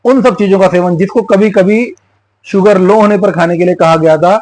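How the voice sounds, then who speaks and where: A man's voice: sits high, fairly even intonation, normal speed, darkish tone, no room sound, rough recording. A man hosting his own channel, giving political commentary through an emphatic, repetitive folk tale. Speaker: YouTube channel host.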